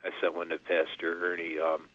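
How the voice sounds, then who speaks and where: A man calling in to a radio show over a landline phone, talking casually in halting phrases with fillers. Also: low-pitched, completely flat delivery, dry recording. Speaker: radio call-in caller. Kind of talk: casual call-in chat. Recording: tinny landline phone line.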